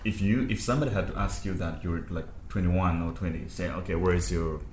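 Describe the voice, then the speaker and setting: Speaking briskly in a low, slightly mellow voice, a man hosts a podcast interview and keeps his questions casual. He chimes in with short back-channel responses and laughs readily. The room is echoey, with a faint noise in the background.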